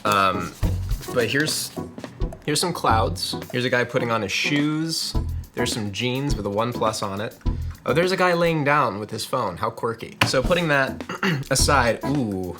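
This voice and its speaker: A man talking through an unboxing with a playful, chatty, joking manner. His pitch swings widely from line to line, rising and dipping as he reacts. Music plays clearly under his voice. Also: animated, measured pace. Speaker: tech video host. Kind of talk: casual unboxing commentary.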